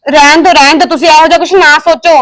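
An actress playing an anxious young village wife with a Punjabi accent, pleading and worried. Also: female voice, sits high, steady tone, fast, a bit bright, no echo, clean studio sound. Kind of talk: Punjabi village short film acting.

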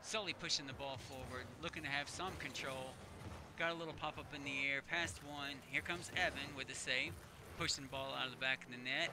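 A man's voice: mid-range voice, a little fast, background noise. Laid-back man calling esports plays. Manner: steady, easygoing calls that lift on near misses. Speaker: esports commentator. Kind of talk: play-by-play commentary.

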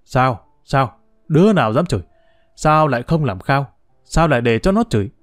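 A man's voice: mid-range voice, expressive, moderate pace, dry recording, clean studio sound, faint music behind, lightly acted. A man narrator voicing a hot-headed grown son who blusters and threatens. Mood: furious.

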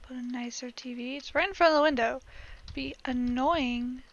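In a muffled clip, a young female gaming vlogger with a high voice chats at a moderate pace while playing a building game. She rambles, laughs a little and her voice cracks now and then.

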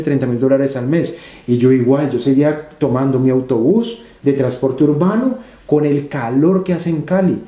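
A man's voice: medium pitch, warm tone, roomy sound. A man, an interview guest telling stories animatedly and repeating phrases for emphasis. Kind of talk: conversational interview storytelling.

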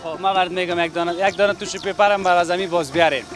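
A male street reporter with an Afghan Dari accent, his voice sitting a little high. He asks friendly, coaxing questions outdoors on a busy city street. Music plays clearly under the whole recording. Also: fairly even intonation, a bit bright. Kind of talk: street interview.

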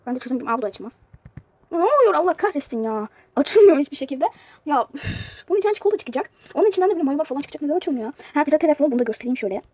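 Fast, high-voiced woman gaming chatter. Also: big pitch swings, dark tone. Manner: chatty, exasperated exclamations. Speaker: youtuber showing a mobile game. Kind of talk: casual gameplay commentary.

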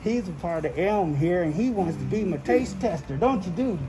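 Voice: medium pitch, expressive, moderate pace, noisy background. A cooking show host speaking through a face mask in a casual, chummy, folksy way during a demonstration. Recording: echoey room, music over voice. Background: music.

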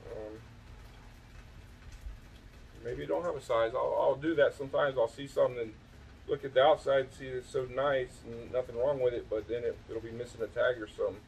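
A man's voice: mid-range voice, steady tone, brisk, vocal fry, darkish tone, distant mic. A man in a mid-range voice rambles through a casual show-and-tell, full of fillers and restarts. He sits out on a back porch at night, a little back from the mic. A faint outdoor hum sits underneath. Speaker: thrift reseller showing his finds.

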